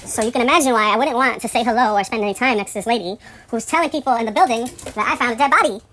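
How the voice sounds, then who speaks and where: A woman telling a rambling story in a casual monologue, profane and indignant, her voice climbing high and loud when outraged. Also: rapid-fire, slight background noise.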